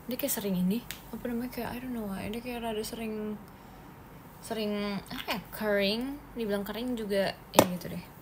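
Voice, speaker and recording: A young Indonesian woman with a steady, mid-range voice at normal speed hosts a casual idol livestream on her phone, with background noise. She chats with viewers, answers comments and laughs often.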